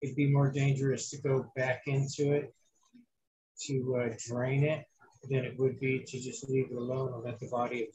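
A man chatting casually in a gravelly voice, scratchy from a sore, inflamed throat, plain-spoken and matter-of-fact. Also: mid-range voice, level tone, normal speed, darkish tone. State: bruised, inflamed throat after surgery. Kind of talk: casual chat.

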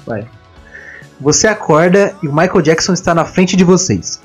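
A man's voice: on the high side, animated, moderate pace, slightly rough, soft background music. A man with a Brazilian Portuguese accent hosting a casual, slangy chat and putting questions to others. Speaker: host asking questions.

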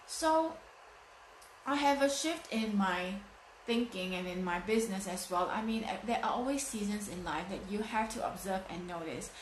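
A woman's voice: a little high, slight background noise. A woman in her late thirties giving a motivational talk, emphatic and fond of repeating phrases for effect. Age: 30s. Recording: echoey room.

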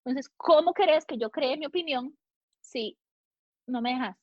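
A woman's voice: high voice, moderate pace, no echo, muffled recording. A woman guest in a casual chat, animatedly telling a personal story.

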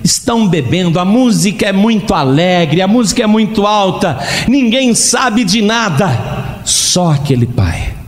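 A man, a pastor telling a story in a sermon, dramatic and swinging between loud and hushed. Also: sits high, lively intonation, unhurried. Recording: echoey hall reverb.

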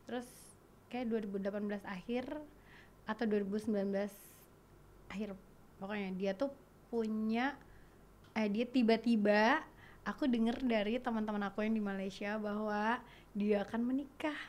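A woman's voice: mid-range voice, moderate pace, pauses often. A woman in her thirties chatting casually, telling a personal story with acted-out dialogue and bits of English. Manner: animated, acts out dialogue, mixes in English. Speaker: guest.

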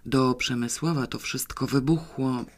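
A man narrating an audiobook in a steady storytelling manner. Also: medium pitch, unhurried.

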